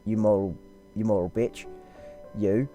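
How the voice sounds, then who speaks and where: A man's voice: fairly low pitch, steady tone, a little slow, dark tone, muffled recording, faint music behind, voice pushed down, close to an everyday voice. A man voicing a blunt, crude young woman reading a letter to her sister aloud, stumbling through it in a put-on accent.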